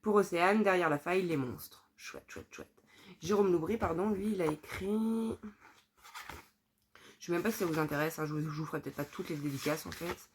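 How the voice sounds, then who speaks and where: A young woman with a somewhat low-pitched voice talks casually and candidly. She thinks aloud as she goes, trailing off and using plenty of fillers. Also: brisk, a little hiss or hum. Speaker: book vlogger. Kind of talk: casual chat.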